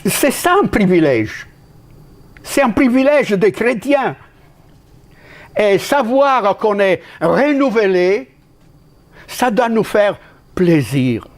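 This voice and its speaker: A man from Italy with an Italian accent, preaching a sermon in an emphatic way, with sudden leaps and drops in pitch and halting restarts. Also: big pitch swings.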